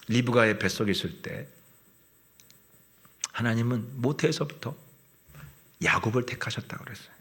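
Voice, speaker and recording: 교회에서 설교하는 남자 목사로, 힘주어 강조하다가 속삭이듯 낮추며 표현력 있게 말한다. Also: male voice, mid-range voice. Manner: expressive, swings from loud emphasis to soft whispered asides. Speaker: pastor. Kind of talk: sermon. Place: church.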